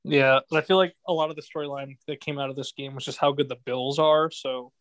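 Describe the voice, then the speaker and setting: A man's voice: medium pitch, fairly even intonation, fairly quick, a bit bright, no room sound, rough recording. A young man hosting a casual sports podcast, rambling with restarts and laughing often. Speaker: podcast host.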